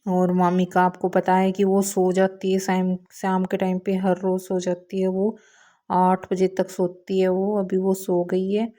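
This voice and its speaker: A woman and mother telling her daily routine in a calm, casual vlog narration, with many small filler words. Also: medium pitch, unhurried. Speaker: mother vlogger.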